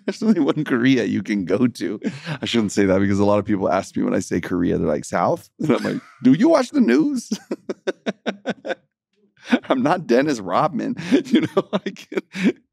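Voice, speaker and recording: A man co-hosting a casual faith podcast, animated and joking, laughing often as he tells stories. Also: fairly low pitch, brisk, creaky, no room sound, studio quality. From Texas. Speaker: podcast co-host. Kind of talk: casual gospel podcast chat.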